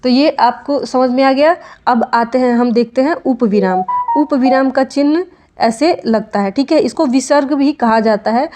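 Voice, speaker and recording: A young woman teaching a grammar lesson, her voice sitting a little higher than most. She explains step by step and often stops to check that her students follow. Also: normal speed, mellow, faint music behind.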